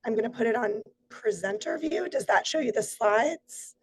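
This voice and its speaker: Guest speaker, woman, voice worn hoarse and raspy, casual webinar talk, dry video-call audio. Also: fairly high pitch, normal speed, no room sound, low-quality recording. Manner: earnest, conversational, many fillers. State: hoarse, losing her voice. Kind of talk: webinar presentation.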